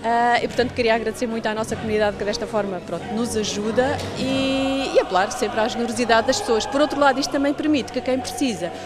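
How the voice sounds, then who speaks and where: A woman's voice: on the high side, fast talker, hardly any pauses, crowd noise, noisy background. A woman in her forties with a European Portuguese accent, a community centre coordinator explaining at length with many fillers. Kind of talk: interview. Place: large indoor hall with clothing stalls. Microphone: handheld reporter mic.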